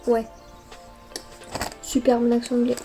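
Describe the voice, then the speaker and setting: A woman's voice: sits high, little pitch movement, a little slow, warm tone, soft background music. A woman beauty YouTuber chatting casually through a haul vlog, hesitant and full of filler sounds.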